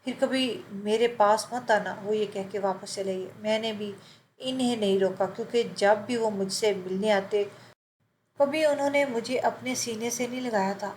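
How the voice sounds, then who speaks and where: A woman telling a scripted first-person moral story in a steady, even storytelling manner. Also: medium pitch, a little hiss or hum, rough recording.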